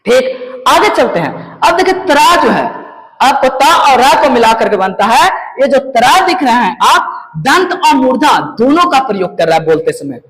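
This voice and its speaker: A man's voice: very high voice, very animated, moderate pace, fairly bright tone. A man teaching a grammar lesson to students, asking questions and answering them himself and sounding out letters one by one. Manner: asks questions and answers them himself, repeating key points. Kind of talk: classroom-style lesson to students. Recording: long reverberant room.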